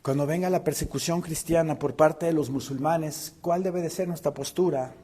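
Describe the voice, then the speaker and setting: A man preaching a sermon as pastor, asking the congregation rhetorical questions and swinging between loud and hushed delivery. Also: a little high, fairly even intonation, moderate pace, breathy edge.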